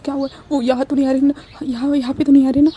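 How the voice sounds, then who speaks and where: Brief: terrified young man who stutters and repeats himself, softer and a little higher than the reader, as a woman puts him on; storybook reading. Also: little pitch movement, rapid-fire, lo-fi sound, natural voice. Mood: scared. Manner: stammering, repeats words in fear. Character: frightened young man, timid captive.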